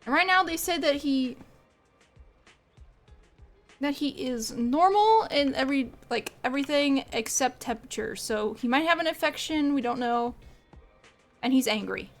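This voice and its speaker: A woman's voice: sits high, expressive, moderate pace, long pauses, faint music behind. A woman streaming a game, chatting casually and rambling as she plays, often laughing. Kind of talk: casual live-stream chat while gaming.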